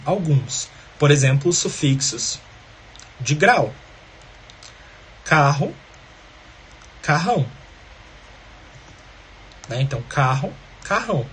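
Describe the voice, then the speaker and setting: A man's voice: fairly high pitch, a little hiss or hum. Man explaining grammar step by step. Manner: explains step by step, checks in with "tá?" and "beleza". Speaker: teacher. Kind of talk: grammar lesson.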